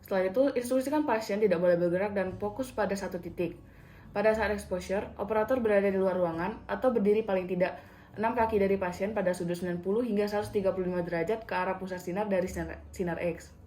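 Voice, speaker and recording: A young female dental student talks fast in a mid-range voice with a dark tone, reverberating around her as she methodically works through numbered steps of a radiography procedure. It's an instructional skills demo, and she addresses her role-play patient politely.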